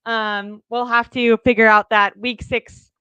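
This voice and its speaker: Woman co-host, casual sports talk, chatty and self-deprecating, bright, slightly high voice. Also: little pitch movement, a little slow, smooth, no room sound, muffled recording.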